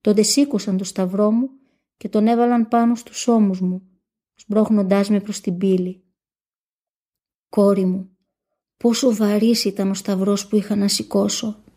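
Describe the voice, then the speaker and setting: A woman reads a devotional text aloud in a steady, measured way. Her voice is warm and mellow and sits at a middle pitch. The delivery stays solemn and even throughout. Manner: steady, measured first-person recitation. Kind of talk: solemn religious text reading.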